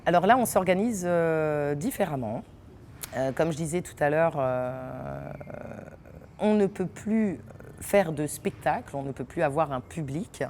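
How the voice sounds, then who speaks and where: A woman's voice: low-pitched, measured pace, slight background noise. A woman from French Guiana, an actress and theatre company owner, answering interview questions with lots of laughter and hesitations in an unfinished theatre hall. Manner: lively, laughs often, many hesitations.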